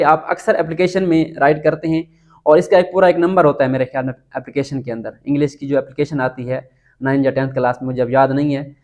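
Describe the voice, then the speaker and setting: A man's voice: a little high, a little mellow, lo-fi sound. A man giving a casual spoken lesson, explaining step by step and spelling words out letter by letter. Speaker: teacher.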